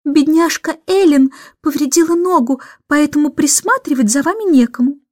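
A woman's voice: high-pitched, moderate pace, a little mellow, dry recording, clean studio sound, pitched above the performer's own voice, close to an everyday voice. A woman voicing a harried middle-aged mother, plaintive and fussing, in a storybook reading. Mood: scolding.

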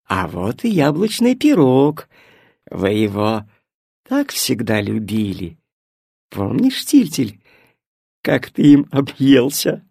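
A man's voice: mid-range voice, sing-song, takes it slowly, gravelly, pauses often, dark tone, slightly rough, no room sound, studio quality, heavily acted. A man voicing a kind, doting old grandmother in a storybook reading, speaking tenderly and fondly. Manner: tender, fond, coaxing.

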